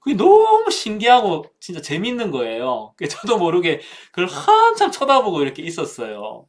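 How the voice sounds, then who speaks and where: At a Bible seminar, a speaker tells a childhood story during a Bible talk, using vivid sound words and speaking straight to the listeners. The voice is medium-pitched with wildly swooping pitch, at a normal speed.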